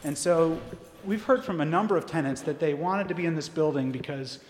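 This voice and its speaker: A man's voice: a little high, a little fast, faint music behind. A man out of breath, talking casually while climbing stairs, with some restarts. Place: indoor stairwell. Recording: echoey stairwell with ambience.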